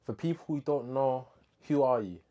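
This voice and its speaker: A man's voice: mid-range voice, normal speed, dark tone, lo-fi sound. A man hosting a podcast, asking short, laid-back questions in casual chat. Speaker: podcast host.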